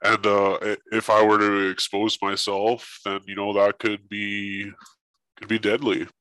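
A man speaking through a voice changer that hides his real voice, leaving it low and monotone. He chats casually and bluntly as a guest investigator, swearing without fuss, in a dry, close recording. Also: measured pace, clear, resonant tone, dry recording. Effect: voice changer disguising his voice. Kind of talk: casual interview chat.

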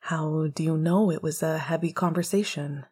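A woman voicing a weary, lovesick young man in a storybook reading, with a quiet, husky, rueful manner. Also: sits low, normal speed.

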